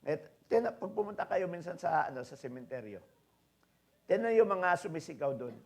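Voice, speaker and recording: A male pastor delivers a sermon in a fairly high voice that swings widely in pitch. He drops into soft, low asides, then rises into loud exhortation. He often turns to the congregation with quick tag questions and mixes English phrases into his preaching. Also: very animated, gravelly.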